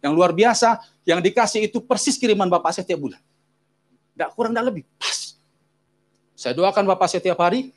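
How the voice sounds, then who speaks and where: A man's voice: high voice, lively intonation, normal speed, pauses often. A man from Medan with a Medan Indonesian accent, preaching and telling a personal story while he keeps addressing the congregation directly. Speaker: pastor. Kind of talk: sermon with a personal testimony.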